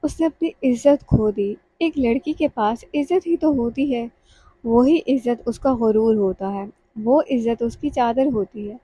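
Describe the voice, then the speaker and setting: A woman reads a romantic novel aloud in a measured, emotional way. Her voice is fairly high yet mellow and dark. The recording is close and dry. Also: slightly rough, dry recording, rough recording. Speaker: narrator. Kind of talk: scripted audiobook narration.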